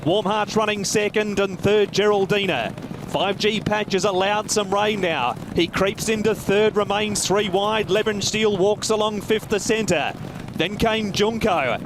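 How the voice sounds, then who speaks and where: A man's voice: high voice, fairly even intonation, a little slow, background noise. A man working as a race caller, giving a live running commentary on horse racing.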